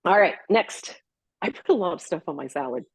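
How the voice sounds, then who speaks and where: A woman's voice: lowish voice, animated, fairly quick, husky, no room sound. A woman co-hosting a health show, chatting casually and explaining step by step as she prepares a salad. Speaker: co-host. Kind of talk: casual cooking demo chat.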